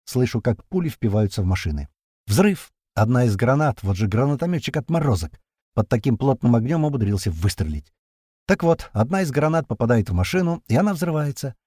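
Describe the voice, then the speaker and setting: A man's voice: medium pitch, big pitch swings, dark tone, no echo, studio quality. Slangy male narrator reading combat action. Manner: slangy, swearing, fast-moving action telling. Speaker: audiobook narrator. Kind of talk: first-person action narration.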